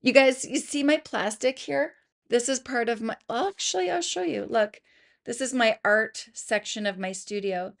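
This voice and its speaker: A woman's voice: fairly high pitch, animated, normal speed, creaky. A Canadian woman in her fifties, chatting casually on a livestream from her basement home studio, oversharing and apologizing as she greets viewers, through her computer's built-in mic. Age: 50s. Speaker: beauty vlogger. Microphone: computer mic, no good equipment.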